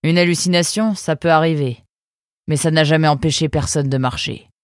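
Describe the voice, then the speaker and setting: A woman voicing a stern male prison guard who gives short, sharp orders. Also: deep voice, steady tone, moderate pace, clear, resonant tone, no echo, studio quality, close to an everyday voice. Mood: curt. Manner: curt, sharp, commanding.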